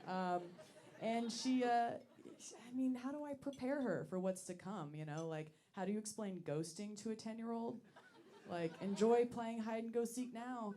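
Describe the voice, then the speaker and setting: On a comedy club stage, a woman in her late twenties with a deep voice for a woman performs a stand-up set in a dry, deadpan, self-deprecating style, dropping lots of ums. The audio carries a little hiss or hum.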